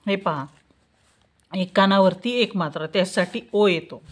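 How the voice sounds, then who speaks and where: Woman tutor, patient, slow, asks and answers her own questions, mid-pitched voice. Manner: spells out letters syllable by syllable. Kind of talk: teaching lesson.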